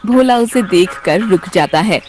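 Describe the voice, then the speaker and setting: A woman narrating a children's cartoon story in an even, plain storytelling manner. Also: medium pitch, measured pace, soft background music.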